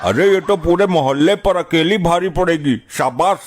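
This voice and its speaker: A man's voice: fairly high pitch, moderate pace, very noisy, natural voice. A man voicing a bumbling, teasing middle-aged father in a dubbed cartoon. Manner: teasing, then cowering. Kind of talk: cartoon dubbing. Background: background music.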